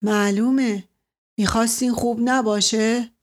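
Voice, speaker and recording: A bitter, irritable old colonel, read by a woman narrator in an audiobook, short-tempered and curt, his words sour and clipped. The voice sits fairly high for the part. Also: steady tone, natural voice. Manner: curt, sour, spoken quietly. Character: bitter, irritable older male colonel, a father. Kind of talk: audiobook character voice.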